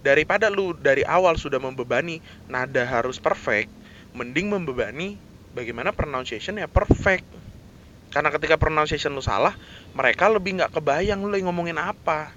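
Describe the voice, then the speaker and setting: A man's voice: fairly high pitch, expressive, brisk, fairly bright tone, dull audio, slight background noise. A man with a Jakarta Indonesian accent ranting casually to camera, mixing in English words and lots of fillers. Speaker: vlogger.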